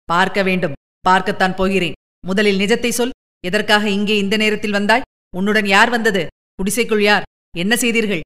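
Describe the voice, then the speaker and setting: Woman doing a stern gruff village man. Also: steady tone, a little fast, a bit bright, lightly acted. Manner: low, stern and demanding.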